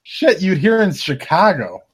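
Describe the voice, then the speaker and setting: A man's voice: high-pitched, big pitch swings, a little slow, husky. A man in a casual group chat, blunt and teasing, swearing freely. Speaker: podcast co-host.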